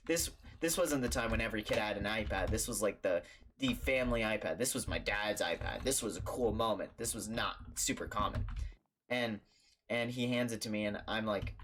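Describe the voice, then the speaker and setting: A man's voice: mid-range voice, fairly bright tone. A young man telling a childhood story for a storytime vlog, rambling and stammering with lots of fillers.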